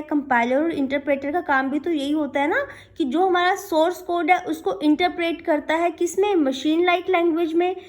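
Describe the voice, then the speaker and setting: In a high-pitched, slightly mellow voice, a programming teacher lectures to explain her material, posing questions and answering them herself. She checks in with listeners often and drops in English technical terms.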